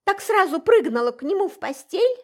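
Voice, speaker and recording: A woman's voice: on the high side, animated, moderate pace. A woman voicing an indignant, jealous young mermaid in an audiobook, speaking in a whiny, reproachful way.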